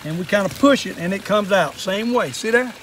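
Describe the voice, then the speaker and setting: An older Southern American man with a notably high voice for a male speaker. He has the folksy, plainspoken way of an old fisherman showing how a job is done. He is recorded outdoors, with clear background noise around his voice. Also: expressive, fairly quick, fairly bright tone. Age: older, 60s or above. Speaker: fishing and fish-cleaning demonstrator. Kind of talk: casual hands-on how-to demonstration. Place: outdoors in a wooded yard at a table.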